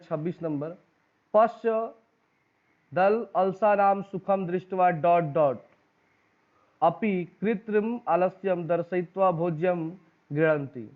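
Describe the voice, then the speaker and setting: High-voiced Bihari teacher, tinny recording. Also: male voice. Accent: Bihari Hindi. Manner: asks the class questions and repeats the answers. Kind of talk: exam-prep lesson, reading out quiz questions and options.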